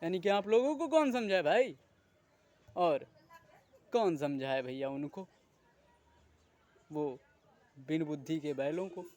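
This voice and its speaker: Indignant high-voiced man ranting. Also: expressive, takes it slowly, pauses often, a little mellow. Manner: heated, indignant, crude swearing, repeated rhetorical questions. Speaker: video creator. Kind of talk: ranting monologue to camera.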